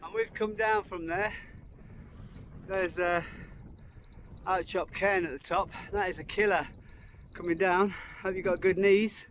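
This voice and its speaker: A man's voice: sits high, fairly even intonation, unhurried, a bit bright. A man giving casual, chatty walk-along narration as a hiking vlogger, talking informally into a handheld camera outdoors. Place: outdoors on open moorland hills. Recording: outdoor wind and ambient noise.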